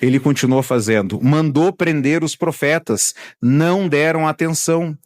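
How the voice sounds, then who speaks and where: Pastor, male, middle-aged, higher-pitched voice, conversational sermon delivery, dry close-mic sound. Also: moderate pace, no room sound. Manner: conversational preaching with retold family anecdotes.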